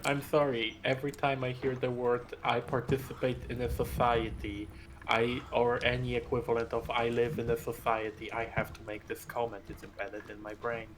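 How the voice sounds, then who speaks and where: A man co-hosting a let's-play stream over voice chat. He rambles through anecdotes, filling gaps with ums and uhs, in a relaxed conversational tone. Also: medium pitch, normal speed, slight background noise. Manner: rambling storyteller with many ums. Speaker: co-host of a game stream. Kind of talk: casual gaming chat.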